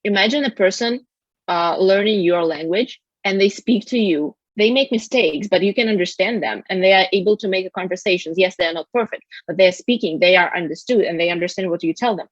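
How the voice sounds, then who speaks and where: A woman's voice: mid-range voice, a little fast, dry recording. Woman, podcast co-host, earnest, encouraging, filler-heavy, dry, lo-fi. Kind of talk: casual podcast chat. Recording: dull lo-fi sound.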